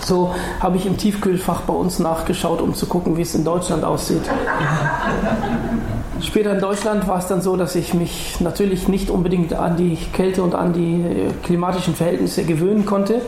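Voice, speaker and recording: A man's voice: high voice, creaky. A man from North Africa addresses an audience in an earnest, patient lecturing tone, telling his faith testimony. His voice carries around a roomy hall, with a faint hum of ambience behind him. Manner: earnest, gently explaining to an audience. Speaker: guest speaker.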